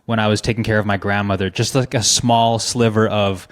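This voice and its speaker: Sincere man with a low voice. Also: flat delivery. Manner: sincere, slow, with "uh" and "um" hesitations. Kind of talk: earnest conversational chat.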